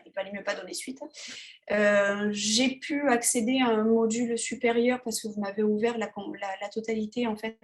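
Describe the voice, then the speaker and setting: Hesitant woman with a high voice. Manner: hesitant, many fillers and restarts. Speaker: interview guest, underwater photographer. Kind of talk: casual interview. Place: Tahiti.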